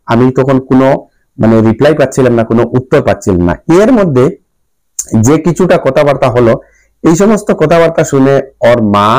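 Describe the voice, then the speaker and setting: A man's fairly high voice with a Bangladeshi Bengali accent, speaking as a teacher who earnestly walks through his work with a pupil and circles back over his phrases. The sound is close and dry, with no room behind it. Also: a little mellow, dry recording, low-quality recording. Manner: earnest, explanatory, repeats phrases as he goes. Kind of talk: spoken account to camera.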